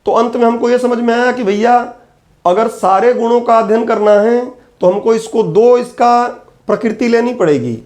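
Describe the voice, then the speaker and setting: A man's voice: very high voice, moderate pace, a little mellow. A man teaching an exam-prep physics lecture, patiently repeating key terms and answering his own questions.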